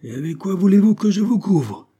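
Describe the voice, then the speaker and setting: A man voicing a gruff, bold old sea captain who barks orders in rough sailor slang. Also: mid-range voice, animated, normal speed, mellow, voice pushed up. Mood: gruff, bossy.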